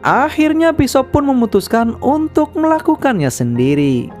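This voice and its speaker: A woman giving scripted narration that retells a film's plot in a steady storytelling manner. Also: high voice, normal speed. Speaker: film recap narrator. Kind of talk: scripted film recap narration. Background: background music.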